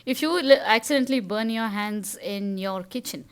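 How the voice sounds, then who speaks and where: A woman's voice: mid-range voice, moderate pace, clean tone. Tamil-accented Indian woman giving household tips. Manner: instructive, step-by-step explaining. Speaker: home-tips vlog host. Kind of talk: casual how-to narration.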